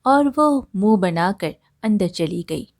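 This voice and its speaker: Slow, mellow woman storyteller. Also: medium pitch, lively intonation, no echo. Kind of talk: scripted storybook narration.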